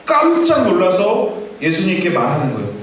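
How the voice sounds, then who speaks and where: A male pastor giving a sermon in a conversational, animated way, asking the congregation rhetorical questions, recorded from far off in an echoey church sanctuary. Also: high-pitched, normal speed, a little hiss or hum.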